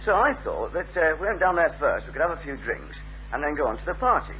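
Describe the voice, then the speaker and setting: A shy, awkward young northern lad, played in the style of a 1970s British radio sitcom. His male voice sits fairly high and swoops wildly in pitch as he talks fast, sounding awkward yet earnest, hesitant, and stammering when pressed. The old recording is muffled and phone-like, with a faint hum.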